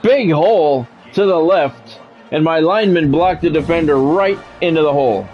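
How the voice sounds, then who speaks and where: A man with a higher-leaning voice delivers measured, clipped play-by-play in a broadcast style for a football video game, mixing in casual gamer remarks. The sound is lo-fi.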